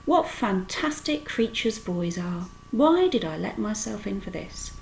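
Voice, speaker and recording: A woman's voice: mid-range voice, big pitch swings, measured pace, vocal fry, a little hiss or hum. A woman reading aloud and voicing a grumpy, selfish male rat who complains fussily. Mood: grumbling. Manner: complaining, fussy.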